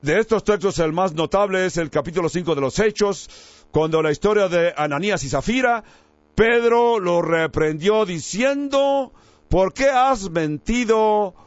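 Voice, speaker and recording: A man's voice: animated, moderate pace, dry recording. Male preacher, emphatic sermon delivery, dry close sound. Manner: emphatic, rises in pitch on key words. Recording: dry, slightly dull recording.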